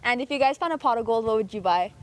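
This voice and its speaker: A young woman asking quick questions in casual street interviews as a student reporter. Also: a little high, lively intonation, low-quality recording.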